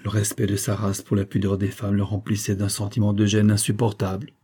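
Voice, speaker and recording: A man narrates a gothic novel in a measured, literary reading. His voice sits low and dark, with a husky edge to it. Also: completely flat delivery. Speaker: audiobook narrator. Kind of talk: scripted narration.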